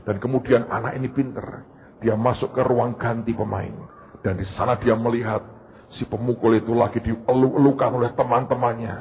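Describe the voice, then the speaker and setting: A male pastor tells a sermon story in an animated way, often turning to his listeners. His voice sits in a middle register. The recording is narrow and tinny, like a phone line. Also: mid-range voice, normal speed, a little hiss or hum. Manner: animated, addresses listeners as "saudara".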